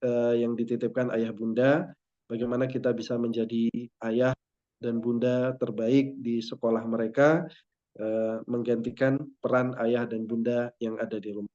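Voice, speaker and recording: A man hosts the session, reading questions aloud and offering thanks in a hesitant way, full of small pauses. His voice is even and mellow, with little rise and fall. The recording sounds somewhat dull and lo-fi. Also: mid-range voice. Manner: hesitant, many pauses and fillers. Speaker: moderator.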